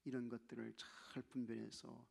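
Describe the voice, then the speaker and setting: A man's voice: medium pitch, flat delivery, normal speed, creaky, darkish tone. A male pastor preaching a sermon to his congregation, exhorting them and often dropping to a near-whisper for emphasis. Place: church sanctuary.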